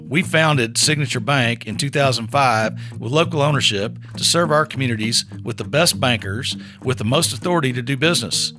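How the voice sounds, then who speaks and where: A man reading a sponsor message as head of a bank, in a steady, businesslike way. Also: mid-range voice. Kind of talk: read sponsor spot. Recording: sponsor spot over clear music.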